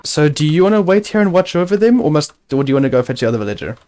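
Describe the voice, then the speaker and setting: A man's voice: fairly high pitch, very animated, racing, dark tone, faint music behind. A man hosting a gaming video, giving casual gameplay commentary, chatty and self-narrating with wry asides.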